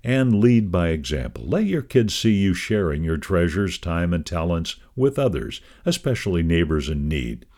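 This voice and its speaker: Man, very deep voice, lively swinging intonation, scripted column reading, measured delivery. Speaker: reader of a magazine column. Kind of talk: scripted read-aloud of a devotional column.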